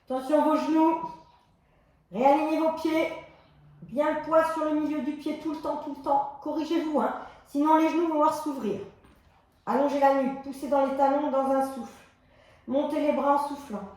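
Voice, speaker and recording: A woman with a high voice leads a floor exercise class, calling out calm, step-by-step cues timed to the breath. Her voice rings around a very echoey exercise room. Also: normal speed. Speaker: fitness instructor.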